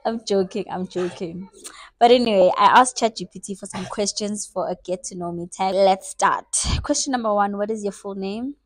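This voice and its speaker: A woman's voice: mid-range voice, normal speed, no echo. A woman in her twenties with a South African accent, chatting playfully and teasing herself in a casual get-to-know-me vlog. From South Africa, Eastern Cape. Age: 20s. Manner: chatty, playful, self-mocking. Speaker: vlogger.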